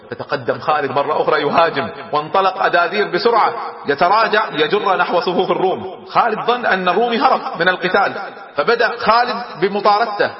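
A man telling a historical story in a lively, dramatic way, often chuckling. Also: fairly high pitch. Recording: echoey hall, dull lo-fi sound.

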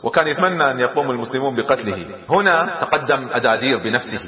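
Fast dramatic storyteller guy, chuckles a lot, echoey muffled hall. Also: medium pitch, expressive. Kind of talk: animated historical storytelling. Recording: echoey hall, dull lo-fi sound.

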